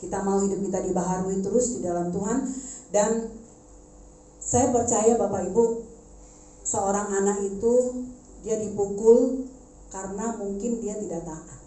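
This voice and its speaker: A woman preaching a sermon in a conversational, animated way, turning to the congregation with asides. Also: mid-range voice, measured pace, long pauses. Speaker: preacher, schoolteacher. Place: church service. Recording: echoey church hall.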